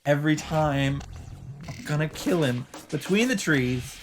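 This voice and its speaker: This man's voice sits on the high side, animated yet unhurried, as he hosts a let's play and dramatically reads visual novel dialogue with relaxed asides. The visual novel's soundtrack plays in the background.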